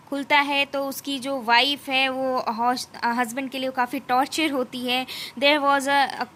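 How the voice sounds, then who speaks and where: A woman teacher giving a classroom lecture, reading a textbook haltingly and then explaining it plainly. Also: sits high, sharp tone, slight background noise.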